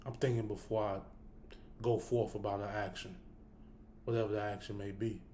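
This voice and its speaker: A man's voice: lowish voice, level tone, normal speed, mellow, slight background noise. A man talking casually and bluntly to his listeners, cursing freely and thinking aloud, with the hiccups. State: has the hiccups. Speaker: host. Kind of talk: casual spoken reflection to camera.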